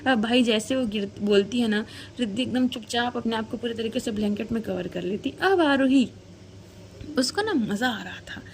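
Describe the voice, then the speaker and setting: Woman telling a story like chatting w a friend, slangy, kinda high voice, faint hum behind. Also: moderate pace. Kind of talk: casual spoken storytelling.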